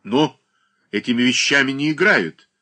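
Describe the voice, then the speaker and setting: A man doing a stern commanding gentleman. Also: mid-range voice, normal speed, voice pushed up, lightly acted. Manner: firm, imperious.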